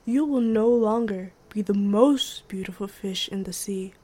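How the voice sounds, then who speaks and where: A woman voicing a wise old female octopus in a storybook, speaking slowly in a low, solemn voice. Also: mellow, lightly acted.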